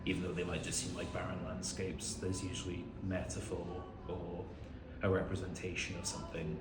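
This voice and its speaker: A man's voice: deep voice, monotone, normal speed. A man from Swansea with a Welsh accent, speaking hesitantly and reflectively as an artist being interviewed in a cafe gallery. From Swansea, Wales. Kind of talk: informal interview answers. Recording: echoey, very noisy cafe gallery.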